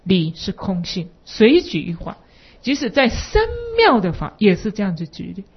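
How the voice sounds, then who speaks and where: Husky woman giving a rambling dharma lecture. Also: mid-range voice, big pitch swings, moderate pace. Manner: rambling, many fillers and rhetorical questions. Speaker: Buddhist lecturer. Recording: dull lo-fi recording.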